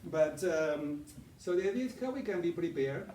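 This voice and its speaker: A middle-aged Argentinian-accented coaching presenter addresses a live meeting-room audience in a conversational way, questioning them as he goes. His slightly high, warm voice is animated at a moderate pace, heard from afar in an echoey room with slight background noise.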